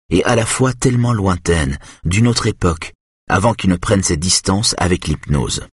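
Deep voiced guy reading an audiobook, kinda husky, dry close mic, calm steady read. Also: dry recording. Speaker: audiobook narrator. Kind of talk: scripted narration.

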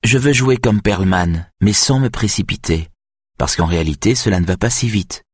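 Male reader doing a laid-back young musician, low, unhurried, audiobook. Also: breathy edge, dry recording, clean studio sound. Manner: calm, unhurried, confident.

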